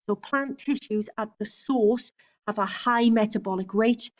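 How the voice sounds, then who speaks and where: A woman's voice: fairly high pitch, a little slow. A woman teacher giving a recorded lecture over slides, explaining steadily, with frequent fillers and restarts.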